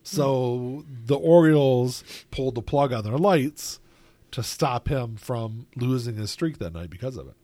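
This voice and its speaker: A man's voice: mid-range voice, expressive, unhurried, mellow, dry recording. A man hosting a casual chat, rambling with lots of filler words.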